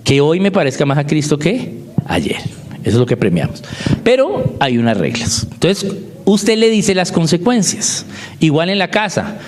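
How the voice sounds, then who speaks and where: Man teaching homeschool method, lively pitch, slightly high voice, quick rhetorical check-ins. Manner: checks in often with rhetorical questions. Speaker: homeschooling speaker. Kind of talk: teaching talk.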